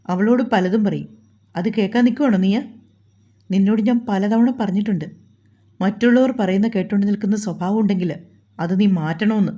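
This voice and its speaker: A woman voicing a stern, quick-tempered young husband who scolds in a lowered voice, in a storybook reading. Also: warm tone, lo-fi sound.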